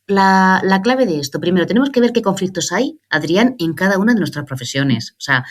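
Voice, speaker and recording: Woman, 40s, psychologist guest, chatty, lively, checks in often. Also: fairly low pitch. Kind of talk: casual podcast interview.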